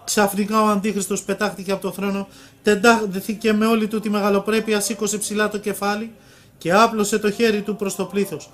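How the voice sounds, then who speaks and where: A man reading a religious prophecy aloud at a steady pace, now and then stumbling and restarting a word. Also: high-pitched.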